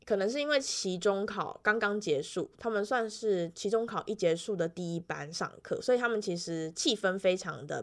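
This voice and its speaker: A young woman with a Taiwanese Mandarin accent, a music teacher telling school stories in a casual vlog, animated and laughing often. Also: mid-range voice. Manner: chatty, animated storytelling with frequent laughs and fillers. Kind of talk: casual weekly vlog storytelling.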